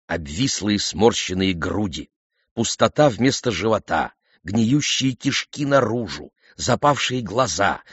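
A male audiobook narrator tells the tale with theatrical, expressive delivery at a mid pitch. The recording is dry, close and slightly dull, without room sound. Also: husky, no room sound. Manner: lively, theatrical storytelling.

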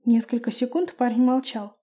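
A woman narrating a first-person fantasy audiobook with a lively, expressive reading. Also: on the high side, moderate pace.

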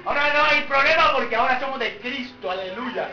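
A man with an extremely high, bright, forceful voice preaches a sermon briskly and expressively. He tells the story with animation and fires rhetorical questions at the congregation. The recording is dull and lo-fi, captured in an echoey hall from a distant mic.

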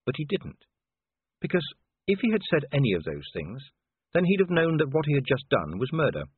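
A man narrating an audiobook in a measured, dry storytelling manner. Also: a little high, huge pitch swings, breathy edge, dry recording. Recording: tinny phone-like audio.

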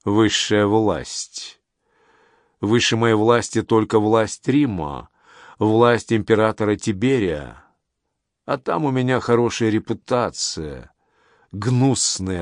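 A man's voice: medium pitch, normal speed, dry recording, studio quality, close to an everyday voice. Man voicing a curt, contemptuous ancient king. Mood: muttering. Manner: curt, clipped, irritated muttering. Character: irritable, contemptuous male king, ancient ruler. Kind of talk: audiobook character reading.

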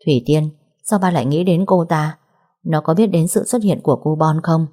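A woman's voice: low voice, moderate pace, mellow. A woman voicing a firm, protective young man in a story, speaking with restraint. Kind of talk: audiobook character reading.

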